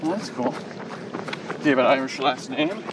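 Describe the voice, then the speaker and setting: A man trades jokes and quick agreements in a teasing way. He sounds somewhat distant from the mic, and outdoor noise carries clearly behind him. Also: medium pitch, expressive. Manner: joking, teasing, frequent backchannels. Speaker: podcast co-host. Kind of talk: casual chat. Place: outdoors on a run.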